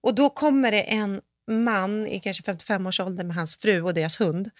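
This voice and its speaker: A woman's voice: mid-range voice, no echo, clean studio sound. A woman in casual chat with a friend, telling a story vividly and acting out what people said. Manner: animated storyteller who acts out quoted speech. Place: abroad in a city with coyotes.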